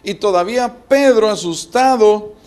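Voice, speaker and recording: A man's voice: high voice, a little slow, darkish tone. A man preaching a sermon as pastor, building emphasis with rhetorical questions.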